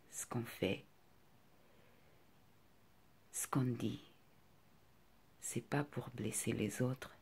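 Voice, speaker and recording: A middle-aged woman with a non-native French accent, speaking softly and hesitantly in a confiding personal vlog, often close to a whisper. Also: rumbling low, vocal fry, breathy edge.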